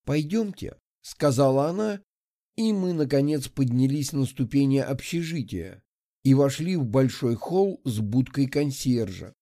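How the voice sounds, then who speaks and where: Mellow-voiced male audiobook narrator. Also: mid-range voice, animated, unhurried, dry recording, studio quality. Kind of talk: first-person fiction narration.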